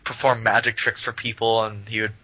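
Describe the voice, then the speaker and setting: Rambling young man, bright dry voice. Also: fairly low pitch, little pitch movement, a little fast, no echo, rough recording. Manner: rambling, many fillers and restarts. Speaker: podcast co-host. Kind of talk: casual chat.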